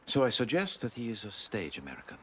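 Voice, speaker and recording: An actor playing a fastidious, courteous middle-aged detective who speaks in precise, formal, mannered phrases. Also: male voice, fairly low pitch, wildly swooping pitch, a bit bright, a little hiss or hum. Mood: deductive, wry. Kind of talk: television period drama. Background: background music.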